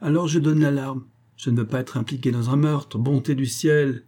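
A sardonic aristocratic old marquis, as a man reads him, languid and unruffled, mocking every word. The voice sits a touch raised and dark-toned, with a slightly husky grain. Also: medium pitch, fairly even intonation, moderate pace, voice pushed up, close to an everyday voice. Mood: cool.

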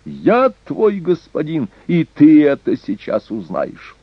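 A man doing a shrill, insolent young Hun prince. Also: animated, measured pace, dry recording. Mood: shrill, furious. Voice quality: shrill, harsh, high-pitched screeching. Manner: insolent, shouting threats. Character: arrogant young male Hun prince, cruel. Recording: dull lo-fi recording.

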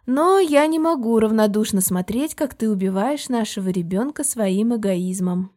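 A woman voices a controlling man in an audiobook, his tone level and almost kindly. The pressure sits underneath the calm. The voice is mellow and warm rather than bright. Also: mid-range voice, moderate pace, natural voice. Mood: pressuring. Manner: even, almost friendly, quietly pressuring. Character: controlling adult man, calm and falsely caring. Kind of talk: audiobook character reading.

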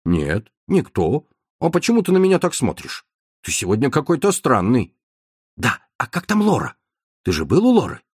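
Male reader doing a calm, puzzled young woman, husky tone. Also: medium pitch, moderate pace, dry recording, clean studio sound. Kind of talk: audiobook narration.

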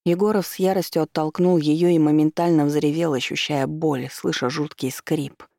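A man reading an audiobook in a steady, measured narration style. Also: a little high, creaky, dry recording, studio quality. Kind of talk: scripted narration.

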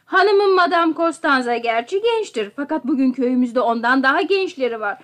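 Bridget, a very high gossipy maid. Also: female voice, expressive, moderate pace. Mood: gossiping. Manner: chatty, coy gossip. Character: gossipy young maid, chatty and coy. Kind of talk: radio play acting.

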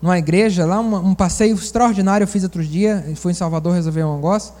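Guy preaching, high voice, lots of long church-hall echo, chatty storytelling, keeps talking to the congregation. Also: fast talker. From Bahia, Brazil. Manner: folksy, animated storytelling with asides to the congregation. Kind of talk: sermon.

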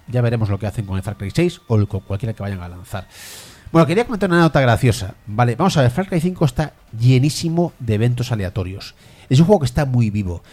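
Man, podcast co-host, lively and quick, tells stories with bursts of acted voices. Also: mid-range voice. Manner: animated storytelling, acts out voices. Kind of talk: casual gaming podcast chat.

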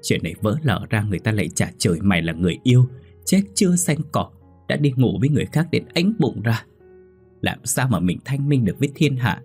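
A man's voice: lowish voice, very animated, a little fast, a little mellow, slightly rough, soft background music, voice pushed up, full character voice. A man voicing a middle-aged mother who cries and pleads with her daughter. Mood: tearful pleading. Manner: weeping, pleading.

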